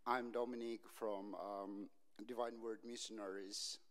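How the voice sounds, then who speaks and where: A missionary man introducing himself at a meeting, unhurried with pauses. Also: lowish voice, little pitch movement.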